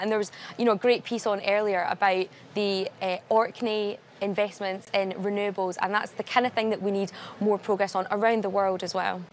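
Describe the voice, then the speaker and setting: A young woman talks in a live news interview from a busy summit venue. Her delivery is earnest and steady, clear and well-organised, with firm stress on what must be done. A faint background hum sits under her voice. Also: medium pitch. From Glasgow, Scotland. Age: young adult. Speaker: climate campaigner, guest. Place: at a large climate summit venue.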